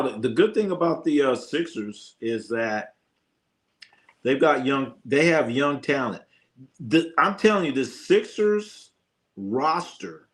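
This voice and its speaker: An American man runs a sports livestream full of casual chatter and slang. His mid-range voice is a touch bright, and he keeps his opinions blunt, repeating phrases to drive them home.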